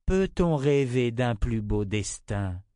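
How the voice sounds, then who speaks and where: Man voicing an icy, calm mother confessor woman. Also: mid-range voice, slow, smooth, dry recording, studio quality. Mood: coldly calm. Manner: icy, unshakably composed.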